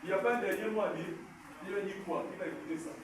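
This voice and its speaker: A male pastor preaching a sermon, telling stories and shouting scripture lines back in call-and-response. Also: sits high, quick pace. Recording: echoey hall, distant mic, background noise.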